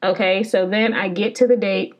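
A woman's voice: mid-range voice, fairly even intonation, moderate pace. A woman hosting a podcast, telling a story in a rambling, profane, exasperated way. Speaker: podcast host. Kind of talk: casual storytelling.

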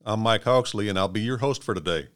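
A man from Kentucky hosting a scripted interview podcast in a measured, encouraging way. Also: lowish voice, fairly bright tone, smooth. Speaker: podcast host.

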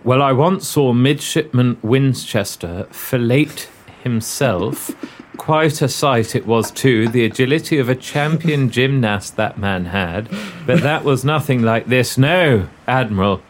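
A man playing a dutiful naval commodore in a comic radio play, reading his lines slowly and stiltedly. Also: medium pitch, natural voice. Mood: earnest. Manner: slow, stilted line reading.

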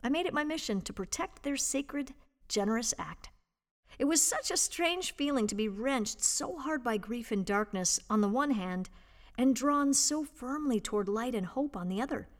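A volunteer reader who hosts an audio reading service reads a personal essay aloud as scripted narration. Her higher-pitched voice carries a measured, expressive storytelling delivery.

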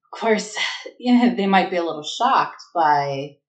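A woman voicing a wry, warm adventurer with a roguish streak, talking in a gently teasing and reflective way. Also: fairly low pitch, animated, unhurried. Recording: echoey room.

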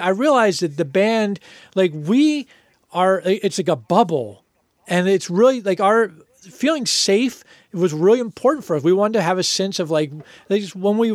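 A middle-aged man telling casual stories in an interview, animated and laughing as he talks. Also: high voice, no room sound. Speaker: band member telling stories. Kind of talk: casual conversational storytelling.

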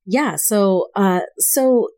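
A woman's voice: medium pitch, extremely slow, a little mellow. A woman with a cold, stuffed up, hosting a casual podcast interview in an upbeat, enthusiastic way. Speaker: podcast host.

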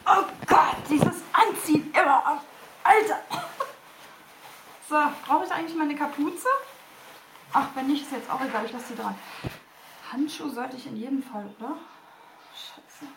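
A woman's voice: sits high, moderate pace, creaky, long pauses, roomy sound, a little hiss or hum, poor audio. A woman podcast host chatting casually while getting dressed, singing bits and laughing, swearing playfully.

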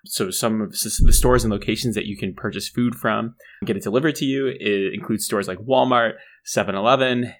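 A man's voice: on the low side, steady tone, fairly quick, hardly any pauses. A man co-hosting a casual podcast, explaining a company in a chatty way with frequent restarts. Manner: chatty, restarts and fillers, laughs at own jokes. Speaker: co-host.

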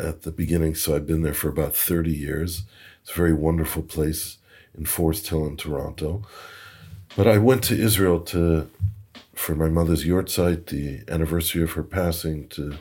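Man, very low voice, husky, podcast guest, chatty storyteller, chuckles now and then. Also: steady tone, moderate pace, mellow. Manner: chatty, chuckles, repeats words while searching. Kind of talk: anecdotal storytelling. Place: Toronto.

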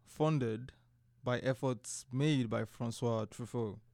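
A man co-hosting a film podcast, easygoing and conversational, chiming in with quick asides. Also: mid-range voice, vocal fry, darkish tone, no echo. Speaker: podcast co-host. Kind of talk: casual film podcast chat.

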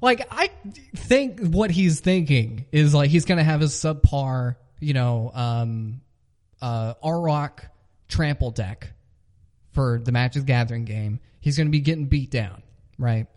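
A man's voice: mid-range voice, unhurried, dark tone. A man hosting a comedy podcast, telling a made-up crime story in a mock-serious narrator's tone. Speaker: podcast host.

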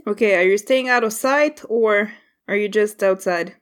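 A woman running a tabletop game as game master, with measured, descriptive narration. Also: medium pitch.

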